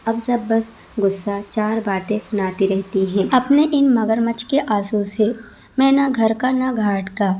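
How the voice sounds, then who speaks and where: A woman's voice: medium pitch, mellow, lightly acted. A woman voicing a flustered young husband in a read-aloud story, pleading and exasperated.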